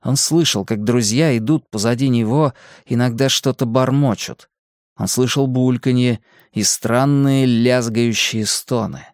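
A man narrating an audiobook in a steady, measured reading voice. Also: mid-range voice, no echo, studio quality.

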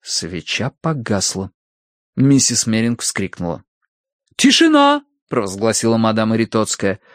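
A man reading a first-person story aloud with wry, lively narration. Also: lowish voice, normal speed, no echo, clean studio sound. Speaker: audiobook narrator.

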